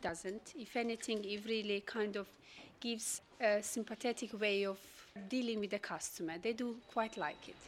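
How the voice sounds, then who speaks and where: A woman's voice: mid-range voice, steady tone, normal speed, a little hiss or hum. Woman managing director in a brief interview. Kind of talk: street interview.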